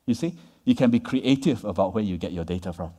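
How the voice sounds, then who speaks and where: At a quick pace, a conference speaker with a fairly low, mellow voice delivers a lively lecture, hitting key words hard. He stays conversational and keeps checking in with "right?" and "yeah?", and his voice carries the long reverb of a large hall.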